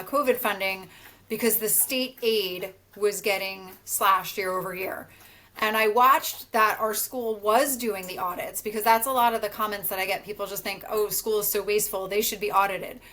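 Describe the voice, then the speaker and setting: A woman in her forties from New Jersey speaks as a podcast guest. Her voice is bright and forward, set at a middle pitch. She talks earnestly and sometimes restarts a sentence. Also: poor audio. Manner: earnest, storytelling, occasional restarts. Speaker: podcast guest, teacher and activist. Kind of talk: conversational interview answers.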